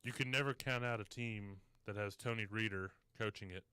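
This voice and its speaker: A man co-hosting a sports talk show, steady and matter-of-fact. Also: fairly low pitch, normal speed, clear, resonant tone, dry recording. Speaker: sports radio co-host.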